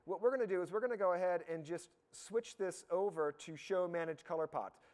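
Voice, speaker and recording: A man giving a live software demonstration as a product expert, talking in a casual, upbeat way with lots of fillers and restarts, his voice a little hoarse. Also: high voice, a little fast. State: slightly hoarse, losing his voice.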